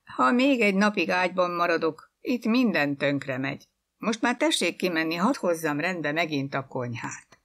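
A woman reading a story aloud, voicing a brisk, bossy cook in a firmer, louder and higher voice. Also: animated. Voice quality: raised, firm, louder than the narration.

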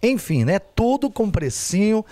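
A man's voice: high voice, very animated, measured pace, dark tone. A man in his forties with a Brazilian Portuguese accent, reporting for local TV news from an indoor bazaar on a handheld mic, chatty and always pointing things out. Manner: chatty, keeps pointing things out with "olha aqui" and "né". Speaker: field reporter. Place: large indoor charity bazaar hall.

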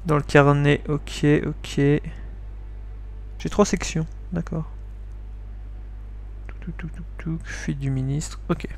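A man's voice: on the high side, fairly even intonation, slow, creaky, long pauses, slight background noise. A man reading game text aloud and chatting casually over his playthrough, swearing at his slip-ups. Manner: chatty, swears when he slips up. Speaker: let's play host.

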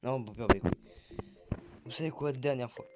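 A young man giving jittery, excitable commentary while playing a horror game, swearing when startled. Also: medium pitch, moderate pace, very noisy. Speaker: gaming YouTuber. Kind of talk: live gameplay commentary.

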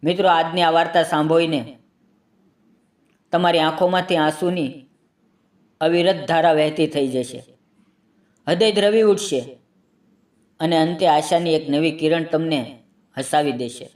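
A man's voice: a little high, a little slow, pauses often, recorded from a distance. A man reading a scripted emotional story aloud in the first person, with earnest, dramatic delivery.

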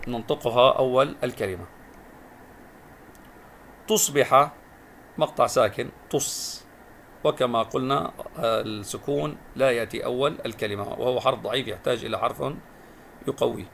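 Male teacher with a gravelly voice, spelling words out slowly for young pupils, faint noise behind. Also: medium pitch. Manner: stretches and repeats syllables to teach spelling. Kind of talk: recorded primary school lesson.

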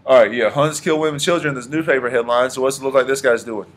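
A man teaching a class, his voice pitched in a middle range. He keeps putting questions to the students and repeating what they answer. A faint hum of room noise sits behind him. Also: fairly even intonation, fast. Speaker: history teacher. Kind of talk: classroom lesson.

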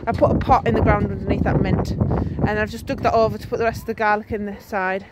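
A middle-aged woman speaks fast in a mid-range voice with little pitch movement as she films a casual walking tour of her allotment. This vlogger chats and points out things along the way, recording on a handheld phone amid loud wind and outdoor noise.

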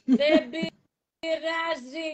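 A bright, high-pitched woman chats on a live stream, welcoming viewers one by one by name. She keeps a playful, teasing tone throughout, warm in the way of an easygoing host. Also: fairly even intonation. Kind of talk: casual live-stream chat.

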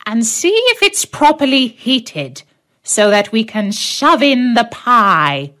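A woman voicing a shrill, cruel old witch who snaps out commands in a storybook reading. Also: very animated, takes it slowly, bright, forceful tone, exaggerated voice. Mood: scheming. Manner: snapping, commanding.

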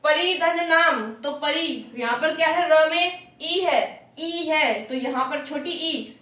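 Woman, grammar teacher, high voice, very echoey room, far from the mic, asks and answers her own questions. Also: fairly bright tone. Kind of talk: exam-prep grammar lesson.

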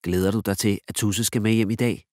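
A man's voice: lowish voice, steady tone, no echo, studio quality, lightly acted. A man doing a teasing, clowning dad. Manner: teasing, loud and showy. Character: playful, clowning father.

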